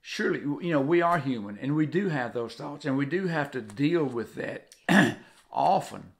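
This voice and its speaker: An older man in his 60s or beyond, with a Southern US accent, gives an informal, earnest devotional talk from a home kitchen, often repeating phrases for emphasis. He co-hosts the devotional video, and his somewhat high, creaky voice has lively intonation at a normal speed.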